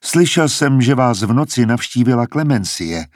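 Narrator as a jovial male doctor, upbeat and reassuring, husky tone. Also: lowish voice, animated, darkish tone, no echo, studio quality. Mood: breezy.

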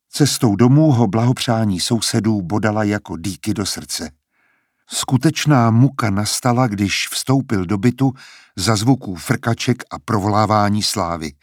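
A man reading an audiobook as narrator in a calm, steady storytelling manner. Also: on the low side, no echo, studio quality. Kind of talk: scripted narration.

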